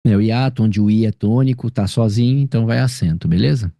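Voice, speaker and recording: Brazilian male teacher, dark mellow voice. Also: on the low side, quick pace, vocal fry, no echo, clean studio sound. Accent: Brazilian Portuguese. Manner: explanatory, checks understanding with frequent tag questions. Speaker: grammar teacher. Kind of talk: one-on-one tutoring session.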